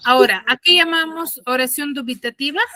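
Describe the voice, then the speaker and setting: A woman's voice: sits high, a little fast, pushed and bright, dry recording. Patient woman teacher on a video call. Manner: patient, asks pupils frequent check-in questions. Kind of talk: online grammar lesson.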